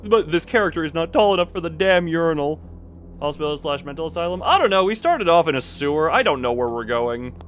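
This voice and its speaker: On a gaming livestream, a man chats casually and reads game notes aloud, rambling, getting sidetracked easily, and tripping over his words. His voice is a little high, expressive, and fast, with slight background noise present.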